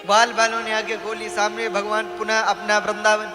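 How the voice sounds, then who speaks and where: A man's voice: sits high, completely flat delivery, moderate pace. A man telling a devotional story as a preacher, dramatic and acting out the voices. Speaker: religious storyteller. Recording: reverberant hall with music.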